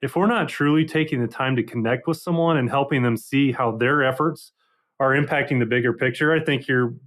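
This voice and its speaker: Mid-pitched man on a panel. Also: a little fast, a bit bright. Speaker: panel guest. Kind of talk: casual professional discussion.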